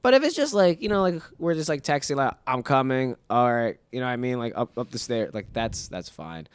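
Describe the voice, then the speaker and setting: A man's voice: medium pitch, animated, fast, smooth, no room sound. A man hosting a podcast in casual chat, easygoing and rambling, often asking "you know what I mean". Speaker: podcast host.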